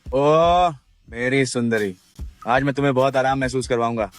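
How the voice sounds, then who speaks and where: A man's voice: medium pitch, moderate pace, faint music behind, close to an everyday voice. An actor dubbing a sleazy male thug who leers and then begs in panic. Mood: leering. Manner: leering, then pleading in panic. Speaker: hired thug. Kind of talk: Hindi dub of a drama.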